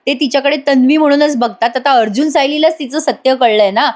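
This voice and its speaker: A woman's voice: high-pitched, brisk, a little mellow. A woman recapping a TV serial episode as a voice-over, speaking in a Marathi accent, with chatty asides to viewers and acted-out character lines. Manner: retells scenes, acting out characters' lines. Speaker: TV serial reviewer.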